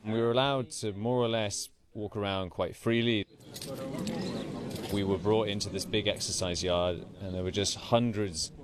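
A male foreign correspondent with a fairly low voice, explaining his report in a measured, steady way. His delivery is plain and informative. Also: crowd noise. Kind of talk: news report.

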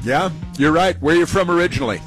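Male radio host, slightly high voice, easygoing talk, music underneath. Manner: casual, agreeable, halting fillers.

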